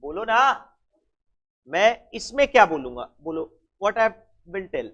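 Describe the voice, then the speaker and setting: A man's voice: high voice, sing-song, slow, a bit bright. A man teaching an accounting class, who keeps prodding his students with the same questions over and over. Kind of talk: classroom lecture. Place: coaching classroom. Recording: dull lo-fi classroom recording.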